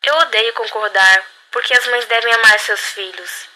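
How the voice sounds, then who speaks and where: Uma mulher dando seu testemunho pessoal numa entrevista, contando com seriedade as dificuldades que viveu. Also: female voice, on the high side, fairly even intonation, normal speed, bright, forceful tone, poor audio. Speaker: guest. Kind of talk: personal testimony in interview.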